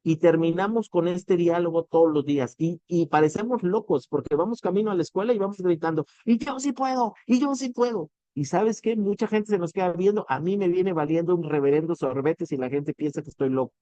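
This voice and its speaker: A man's voice: on the high side, fairly quick, few pauses, dark tone, no echo, highs cut off. Earnest Mexican man giving motivational talk. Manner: earnest, preachy, swears casually, addresses listener directly. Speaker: motivational business speaker.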